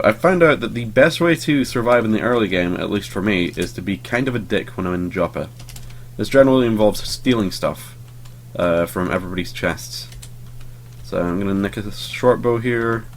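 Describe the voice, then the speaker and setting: This casual gameplay commentary comes from a young man who has just gotten over a cold. His lowish voice moves at a moderate pace, drowsy and meandering, packed with fillers and the occasional careless swear word, over slight hiss or hum.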